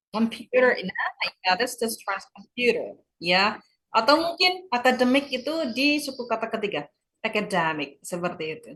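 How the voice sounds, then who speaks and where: A young woman with an Indonesian accent giving a chatty English lesson, mixing Indonesian and English. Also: mid-range voice. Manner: switches between Indonesian and English, lively and chatty. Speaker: English teacher. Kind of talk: classroom lecture.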